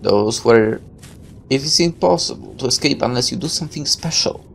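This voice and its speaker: A woman with a very deep, creaky voice and lively intonation plays a visual novel at a moderate pace, reading the text aloud and tossing in irreverent, sarcastic asides. There's a little hiss or hum in this game playthrough with offhand commentary.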